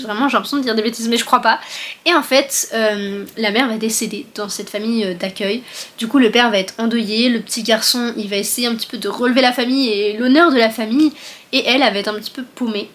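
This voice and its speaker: A woman's voice: a little high, quick pace, fairly bright tone. A young woman chatting casually to camera about books she plans to read, rambling with many fillers and self-corrections. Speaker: book vlogger. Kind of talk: casual book haul chat.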